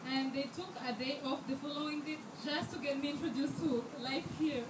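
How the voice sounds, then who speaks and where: A young Rwandan woman in her 20s, a scholarship student, delivers a prepared speech at a fundraiser in a highish, steady voice at normal speed. She's earnest but keeps using fillers and restarting. Because the handheld mic is held too far away, the event hall sounds echoey, distant and noisy.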